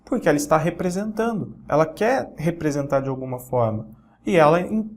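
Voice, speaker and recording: A man giving a recorded online lesson, pointing at examples and often checking in with listeners. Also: fairly high pitch. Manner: explanatory, points at examples on screen; frequent checking tags and self-corrections. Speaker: teacher.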